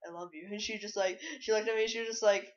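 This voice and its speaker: A man's voice: high voice, flat delivery, quick pace, dull audio. A man on a casual podcast, telling an awkward story in a joking way.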